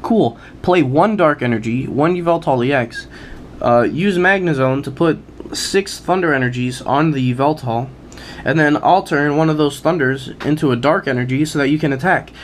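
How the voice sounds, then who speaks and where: A man's voice: fairly high pitch, moderate pace, a little hiss or hum. A man hosting a card game channel, talking through his favorite new cards in a casual, enthusiastic way, with lots of "uh"s. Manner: enthusiastic, many filler "uh"s, laughs at himself. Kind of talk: casual video commentary.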